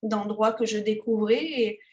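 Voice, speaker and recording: A woman's voice: medium pitch, unhurried. A woman photographer talking casually as an interview guest, hesitant, with many fillers and restarts. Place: Tahiti.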